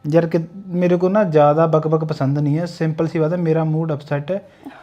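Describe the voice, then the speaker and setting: A man's voice: on the high side, level tone, moderate pace, mellow, dull audio, lightly acted. An actor playing an irritable young husband who snaps at his wife and refuses to be disturbed. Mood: exasperated. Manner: snapping, dismissive, rising to angry outbursts. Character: irritable young husband, sleepy, short-tempered. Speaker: actor in short film. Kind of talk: domestic drama acting.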